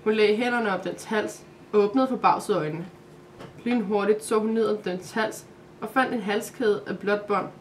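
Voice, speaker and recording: A woman narrating a Christmas calendar story aloud, in a calm, steady way. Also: mid-range voice, slight background noise.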